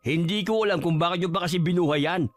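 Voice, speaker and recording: A man's voice: sits high, fast talker, dry recording, natural voice. A man voicing an arrogant, cruel young neighborhood thug who speaks in a mocking, insolent way. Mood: sneering. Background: faint music.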